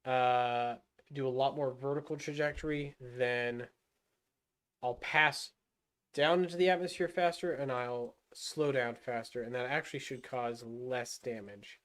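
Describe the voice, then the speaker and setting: A man's voice: medium pitch, fairly even intonation, a little slow, a bit bright. A man livestreaming a rocket game, thinking aloud and talking himself through each move. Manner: self-muttering with fillers and restarts. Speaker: gaming livestreamer. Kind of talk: casual live gameplay commentary.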